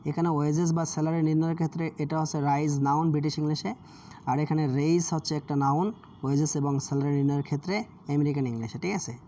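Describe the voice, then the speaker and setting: A man with a Bangladeshi accent teaching English grammar over a screen share, often checking in with his listeners and reading English examples slowly. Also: a little high, fairly even intonation, mellow, a little hiss or hum. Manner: explanatory, frequent "ঠিক আছে?" check-ins, reads English examples slowly.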